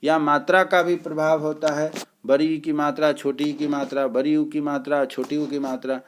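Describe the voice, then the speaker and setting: A man teaching an exam-prep lecture, explaining step by step with pauses and filler sounds. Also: on the high side, flat delivery, slight background noise.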